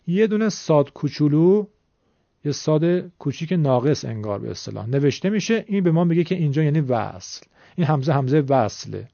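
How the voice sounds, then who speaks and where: A man's voice: fairly high pitch, creaky, warm tone, dry recording. A man giving a patient, polite, step-by-step lesson on Quran recitation. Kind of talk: classroom lesson explanation. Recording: dull lo-fi dry recording.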